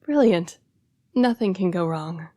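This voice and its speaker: A woman plays a young-seeming female vampire who serves as the vampire council's correspondence assistant in an intimate audio roleplay monologue. Her voice is on the low side with little pitch movement, breathy and hushed, often dropping to a whisper, with a bitter, sarcastic mood. She is formal, polite, apologetic, protective and urgent, using measured phrasing in a dry, studio-quality recording.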